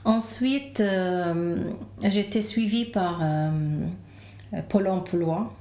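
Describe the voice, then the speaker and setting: In a casual podcast interview, a woman from Lebanon recounts her own story with a Lebanese accent, often searching for the right words. Her mid-range voice is warm and slow. The recording sounds roomy, with echo.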